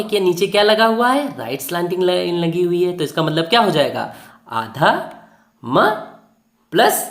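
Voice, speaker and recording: A teacher giving a Hindi spelling lesson to children, slowly sounding out letters and asking the class questions, then answering them. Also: mid-range voice, echoey room.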